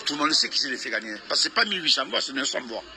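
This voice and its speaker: A man's voice: medium pitch, very animated, very fast, creaky, very noisy. A man talking local politics informally, insistent, interjecting and repeating himself. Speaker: local community campaigner. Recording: music playing behind the voice.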